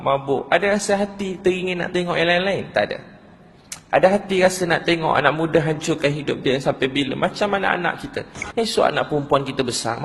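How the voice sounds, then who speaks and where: With a Malaysian Malay accent, a man preaches a sermon, telling stories and putting questions to the audience. His voice is fairly high-pitched, gravelly, and fairly bright, with a big-room sound.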